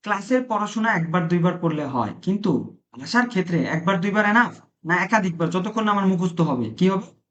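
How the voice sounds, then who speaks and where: A man's voice: high-pitched, animated, brisk, fairly bright tone. Man, classroom language teacher, quizzes students and repeats answers, dull lo-fi sound. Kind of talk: classroom lesson, live-streamed.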